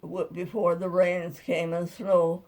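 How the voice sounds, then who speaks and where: A woman's voice: fairly low pitch, little pitch movement, slow, a little mellow. A woman over a hundred years old telling stories from her past in a casual, rambling, folksy and plain-spoken way. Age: over 100. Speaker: interviewee recalling childhood. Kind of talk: casual oral storytelling.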